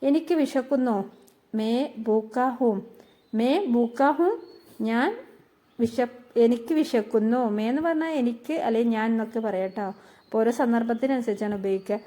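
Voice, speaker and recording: A woman teaching phrases in a spoken-language lesson, saying each phrase slowly, repeating it and explaining it. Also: on the high side, mellow.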